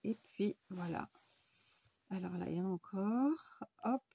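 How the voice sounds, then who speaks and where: A woman's voice: mid-range voice, unhurried, vocal fry, warm tone, breathy edge. A woman hosting a crafting tutorial, talking viewers through each step in a chatty way and thinking aloud as she works. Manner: chatty, thinks aloud with frequent fillers and "voilà".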